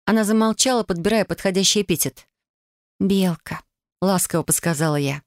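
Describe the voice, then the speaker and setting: A woman narrating a first-person fantasy audiobook in a lively, wry way, voicing the dialogue. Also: medium pitch, quick pace, no echo, clean studio sound. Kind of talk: audiobook fiction reading.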